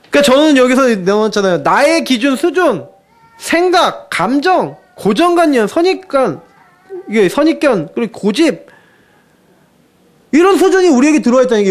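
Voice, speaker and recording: High, lively-voiced male pastor preaching. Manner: animated, acts out Bible quotes in raised voices, asks the congregation questions. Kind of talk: sermon. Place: church sanctuary.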